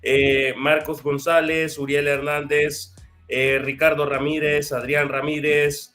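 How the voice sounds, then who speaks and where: A man's voice: a little high, little pitch movement, measured pace, bright, forceful tone, faint music behind. A man co-hosting a casual sports talk show, friendly, reading out names of viewers in the chat. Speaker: co-host.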